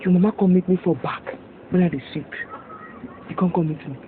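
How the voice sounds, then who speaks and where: A woman's voice: on the low side, brisk, natural voice. A woman with a Nigerian Pidgin accent plays a weary village woman who complains in an exasperated way. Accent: Nigerian Pidgin English. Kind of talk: film drama acting. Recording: tinny lo-fi audio with loud music.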